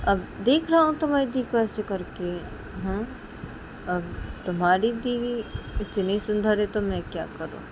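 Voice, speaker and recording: Brief: woman playing a stubborn flirt who murmurs low and won't back down. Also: animated, measured pace, background noise, close to an everyday voice. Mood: flirty.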